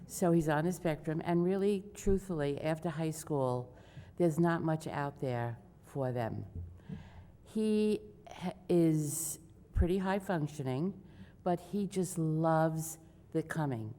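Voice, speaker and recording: Emotional low-voiced mother at a hearing. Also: mellow. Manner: emotional, grateful, halting with restarts. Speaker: resident speaking at a hearing. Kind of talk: public comment. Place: village hall meeting room. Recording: reverberant hall with faint noise.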